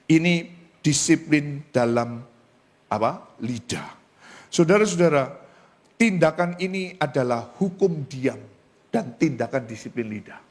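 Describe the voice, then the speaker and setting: An Indonesian-accented male pastor preaches in a church, with a voice pitched somewhat high for a man. He tells stories and keeps turning to the congregation. He moves from loud, high exclamations down to low, quiet remarks. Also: animated, unhurried, pauses often. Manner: storytelling with repeated address to the congregation. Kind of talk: sermon.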